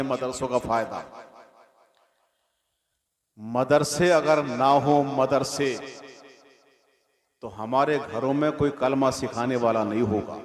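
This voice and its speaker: A man preaching a sermon to a gathered crowd, exhorting and questioning listeners, with an Indian Hindustani accent. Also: medium pitch. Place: outdoor religious gathering at a madrasa.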